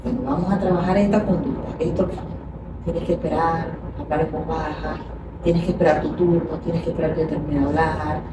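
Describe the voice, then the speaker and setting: A woman's voice: low-pitched, fairly even intonation, fairly quick. A woman, a psychologist, patiently explaining child behavior in conversation and acting out parents' scolding. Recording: echoey room, far from mic, noisy.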